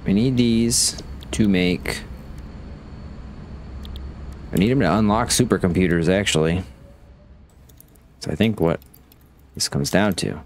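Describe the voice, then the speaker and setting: This gaming channel host has a low-pitched voice, with slight background noise in the recording. As he plays his factory-building game, he chats casually and muses aloud while looking over production.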